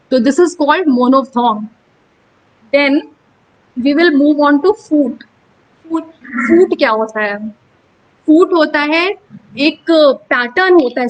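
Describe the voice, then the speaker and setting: A woman's voice: high-pitched, poor audio. A woman teaching in a classroom lecture style, explaining step by step and mixing English terms into her talk.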